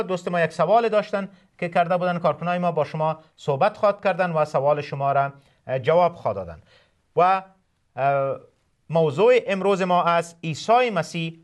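A man, hosting and preaching a radio sermon in a halting way, with many drawn-out filler sounds. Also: on the high side. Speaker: host and preacher.

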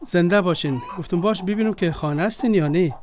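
A man's voice: high voice, a little mellow, a little hiss or hum, close to an everyday voice. A man with an Afghan Dari accent, acting in a radio drama as a friendly visitor who earnestly retells a story.

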